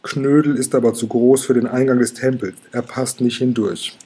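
A man voicing a small, very learned male dragon who speaks calmly and precisely, with a dark, breathy voice. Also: medium pitch, normal speed, close to an everyday voice.

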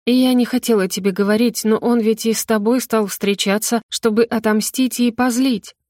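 A woman's voice: a little high, steady tone, normal speed, a little mellow, dry recording, studio quality, lightly acted. A woman reading an audiobook voices an anxious, fretful middle-aged mother.

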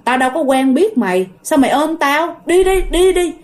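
A woman doing a gruff old grandfather ghost. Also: mid-range voice, expressive, fairly quick, a little mellow, lightly acted. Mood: harsh. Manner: harsh, scolding, shooing away.

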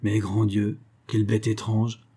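Male audiobook narrator, dark and husky, measured storybook telling. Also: on the low side, monotone.

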